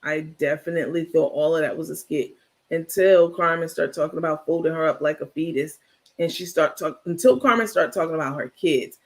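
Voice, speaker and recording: Male livestream host, high pitch with a gravelly texture, blunt and animated gossip talk. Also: fairly quick. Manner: animated, talkative, blunt, laughs often. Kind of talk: casual live gossip commentary, reacting to viewer chat.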